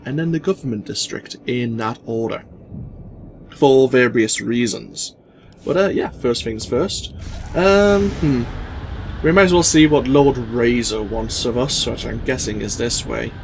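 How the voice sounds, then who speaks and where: A man giving casual, rambling, mildly sweary commentary as he hosts a video game playthrough. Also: mid-range voice. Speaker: let's play host. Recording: faint game ambience noise.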